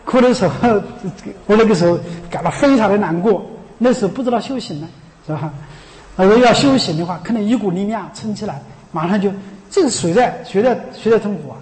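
High-voiced man preaching in a reverberant hall. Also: lively intonation, brisk, a little mellow. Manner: emphatic and rhetorical, often asks the listeners "you know?". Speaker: Buddhist teacher. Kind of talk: sermon.

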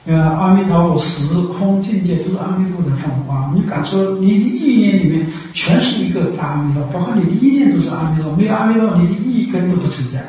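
A man giving an unhurried Buddhist dharma talk, repeating himself and pausing on drawn-out fillers. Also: high-pitched, dark tone, highs cut off. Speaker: Buddhist teacher. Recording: echoey room, voice from far off.

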